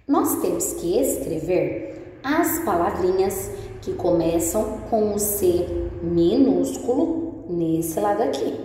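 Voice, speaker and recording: A woman with a Brazilian accent teaching preschoolers in a recorded lesson, slow and patient, asking the children's questions and answering them herself. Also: on the low side, dark tone. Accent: Brazilian Portuguese. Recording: echoey room with long reverb, faint noise.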